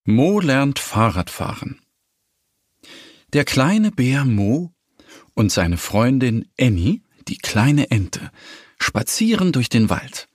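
A man narrating a children's story in a lively, unhurried storytelling manner. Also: mid-range voice, no room sound, studio quality.

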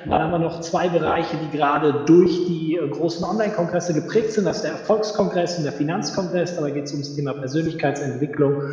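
A man with a fairly high voice, heard on a low-quality home-office recording. His voice booms with strong echo and a long reverb tail, and the sound is muffled and lo-fi. He explains at length as an interview guest, often pausing on filler sounds. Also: darkish tone. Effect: low-quality home-office recording with heavy room reverb and no proper mic. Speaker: interview guest, event entrepreneur. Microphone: unsuitable microphone. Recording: echoey lo-fi reverberant room.

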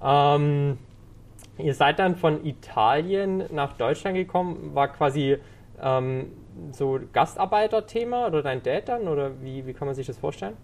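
A man's voice: fairly high pitch, animated, normal speed. A man hosting a fitness podcast, asking his guest questions in a friendly manner with frequent filler sounds. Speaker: podcast host. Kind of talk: casual interview hosting.

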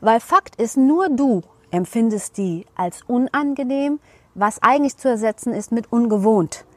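A woman, a professional speaker and singer, explains things in a relaxed interview with blunt, colloquial humor. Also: fairly high pitch, moderate pace, no echo. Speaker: voice coach and seminar leader.

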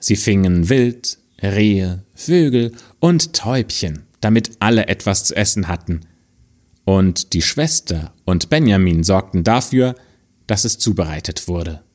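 A man reading a fairy tale aloud in a slow, expressive storytelling manner. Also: low-pitched.

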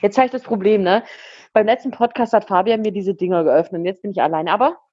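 A woman's voice: mid-range voice, fast, breathy edge, no room sound, muffled recording. A woman co-hosting a podcast over a video call, chatty and giggly, teasing her co-host.

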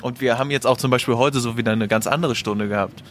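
A man's voice: mid-range voice, fairly even intonation, quick pace, a bit bright. A man, a student, chatting casually and colloquially while interviewing his lecturer. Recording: faint background noise.

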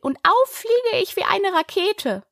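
A woman reading aloud and voicing a tiny, weak male lizard with a feeble, squeaky, flustered voice. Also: sing-song, measured pace, fairly bright tone, dry recording, clean studio sound, exaggerated voice. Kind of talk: audiobook character voice.

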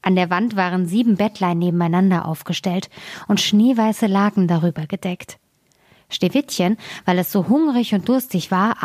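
A woman storyteller reading a fairy tale aloud in a calm, measured way. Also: medium pitch, no room sound, studio quality.

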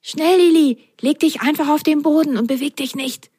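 A woman voicing Ron, a cautious and calm little boy sock in a children's storybook, speaking in a hushed, reassuring way. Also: high voice, normal speed, voice pushed up, lightly acted. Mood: urgent.

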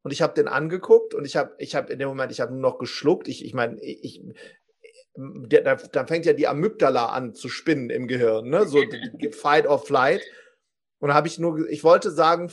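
A man in his forties telling a story as a podcast guest, animated, acting out quotes and restarting often. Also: mid-range voice, normal speed, breathy edge. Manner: lively, acts out quotes, many restarts.

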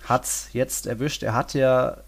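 A man's voice: medium pitch, fairly even intonation, unhurried, gravelly. A man hosting a football podcast in casual chat. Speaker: podcast host.

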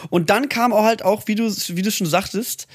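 A podcast co-host with a notably high voice tells loose, animated stories and laughs often. The sound is dry and close, with no room around him. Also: male voice, normal speed, husky, dry recording. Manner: animated, rambling storytelling with frequent laughs. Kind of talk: casual chat.

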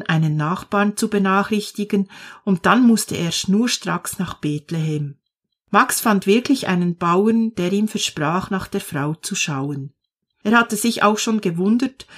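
Female narrator, slow, calm storybook read, mid-pitched voice. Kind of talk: storybook reading.

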